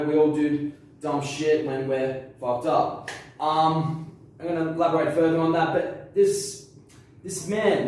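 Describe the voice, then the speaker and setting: A young man talks in a loose, rambling way and swears casually. His voice sits a little high for a man. It sounds very echoey and is caught from well back from the mic. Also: darkish tone. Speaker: interview guest. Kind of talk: casual interview. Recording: very echoey room from far off.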